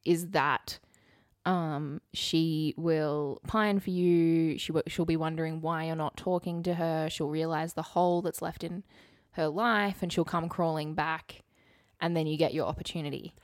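A woman's voice: deep voice, fairly even intonation, unhurried, no room sound, studio quality. A young woman co-hosting a podcast in casual conversation, candid and wry, repeating things for emphasis. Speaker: podcast co-host. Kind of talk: casual conversational chat and storytelling.

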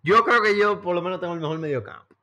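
Dominican man, podcast host, slightly high voice, slangy casual sports talk, repeats himself for emphasis. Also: fast, sharp tone.

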